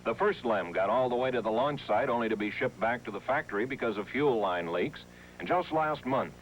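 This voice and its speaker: An American man reading a scripted television news report as a correspondent. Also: mid-range voice. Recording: noisy vintage 1960s TV broadcast, hum.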